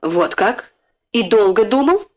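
A woman's voice: mid-range voice, very animated, unhurried. Sly smug boss man, read by a woman, sugary fake-kind tone, swings up and down a lot, kinda muffled recording. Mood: mocking. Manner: falsely kind, mocking. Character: sly, smug older male factory owner.

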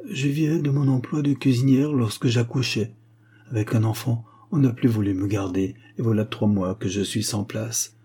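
A man's voice: mid-range voice, steady tone, moderate pace, mellow, slightly rough. A man voicing a poor, exhausted young soldier's wife who tells her troubles in a tired, pleading way. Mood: weary.

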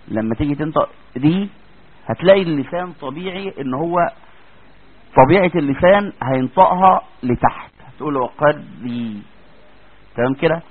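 In a tinny, lo-fi lecture recording, a fairly high-pitched man with a breathy edge teaches Quran recitation to a class. His Egyptian Arabic accent comes through as he explains rules step by step and keeps checking that students understand.

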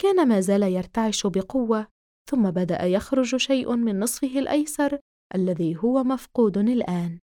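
A woman narrating a first-person horror audiobook in a steady, measured way. Her voice is somewhat high, and the recording is close and dry. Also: dry recording.

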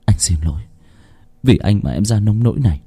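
A man's voice: on the low side, big pitch swings, normal speed, warm tone, husky. A man voicing a protective young husband with a voice that surges when he is pressed, in a spoken ghost story. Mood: gentle, remorseful.

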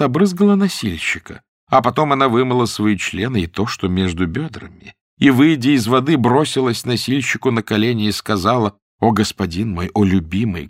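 A man narrating classic tales as an audiobook reader, in a measured storytelling manner that slows for key words. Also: medium pitch, no room sound, clean studio sound.

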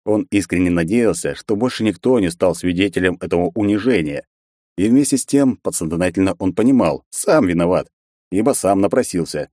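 A man reading an audiobook in a steady, even storytelling manner on a close studio mic. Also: deep voice, fairly quick, dry recording. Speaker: audiobook narrator. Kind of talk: scripted narration.

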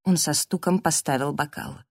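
A woman narrating a first-person audiobook in a steady, dramatic reading. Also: low voice, moderate pace, breathy edge, no room sound, studio quality.

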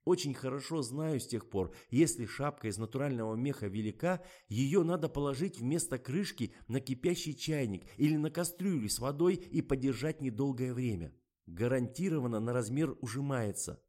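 A man voicing a calm, resourceful young woman in an audiobook, speaking in a matter-of-fact way. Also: medium pitch, normal speed, voice pushed up, natural voice. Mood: composed. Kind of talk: audiobook character voice.

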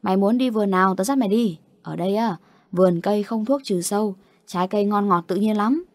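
A woman's voice: medium pitch, fairly quick, no room sound, lightly acted. A woman voicing an easygoing young man who guides his friends in an audio story. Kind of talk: storytelling narration.

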